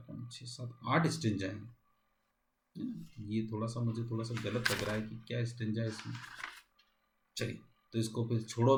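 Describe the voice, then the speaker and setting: A man teaches an exam-prep poetry class, reading each English line slowly before explaining it word by word in Hindi. His voice sits at an ordinary male pitch, and the room around him sounds echoey. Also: a little mellow.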